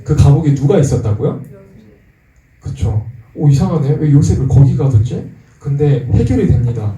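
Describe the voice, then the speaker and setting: A man's voice: a little high, dark tone. A man preaching a sermon as pastor, talking with the congregation and asking them questions. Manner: conversational, asks the congregation questions. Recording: echoey room from far off.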